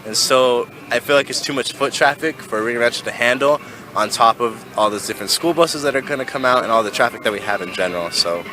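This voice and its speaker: A man's voice: mid-range voice, quick pace, sharp tone. A man of twenty answering interview questions outdoors in a casual way, with lots of "like". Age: 20s. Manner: casual, says "like" a lot. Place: outdoors in a city street.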